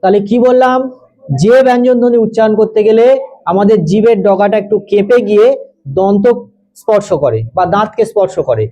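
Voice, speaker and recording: A male tutor giving a grammar lesson to students, explaining step by step, repeating key terms, checking understanding and slowing down to dictate definitions. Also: high voice, warm tone, muffled recording.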